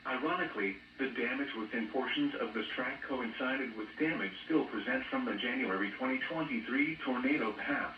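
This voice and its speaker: A machine-generated American male voice of medium pitch recites a weather radio bulletin, reading out codes and figures in a monotone, mechanical way at normal speed with few pauses. The sound is muffled and noisy, recorded off a speaker by a distant mic in an echoey room.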